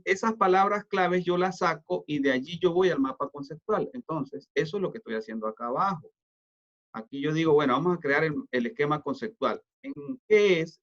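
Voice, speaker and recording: A middle-aged man teaching a class over a call, in a fairly high voice. He explains patiently, checks understanding with frequent tag questions, and the audio comes through a little dull and lo-fi. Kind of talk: online lecture.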